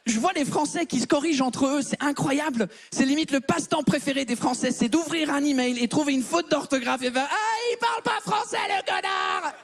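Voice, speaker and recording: High-voiced brash stand-up comedian. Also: male voice, a little fast, gravelly, hardly any pauses, soft background music. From England. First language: English. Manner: brash, crude and self-mocking. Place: comedy stage before an audience.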